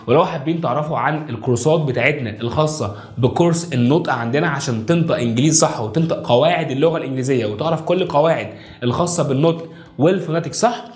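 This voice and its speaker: Upbeat Egyptian teacher in an echoey room. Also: male voice, a little high. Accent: Egyptian Arabic. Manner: upbeat, coaxing teacher who drills and chants sounds slowly. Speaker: English pronunciation trainer. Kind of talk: video lesson at a whiteboard. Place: indoor room with a whiteboard.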